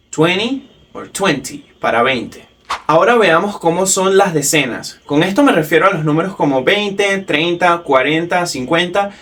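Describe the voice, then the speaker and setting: A man teaching a step-by-step language lesson, saying each word slowly and carefully for learners to repeat. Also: high voice, a bit bright, distant mic. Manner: slow, careful drilled pronunciation of English words. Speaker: English teacher.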